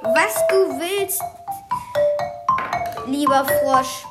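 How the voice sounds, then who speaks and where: Ein Kind liest langsam die Worte einer jungen Königstochter aus einem Märchen vor, über lauter Musik. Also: high voice. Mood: eager. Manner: slow, careful reading. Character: frightened young princess. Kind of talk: reading a fairy tale aloud. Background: loud music.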